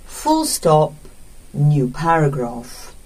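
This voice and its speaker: Woman doing dictation, super slow short chunks, pitch swings around, bit far from the mic. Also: very animated, a little mellow. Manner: deliberate, broken into short phrases. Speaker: teacher giving a dictation. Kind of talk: slow dictation, reading text aloud with punctuation spoken.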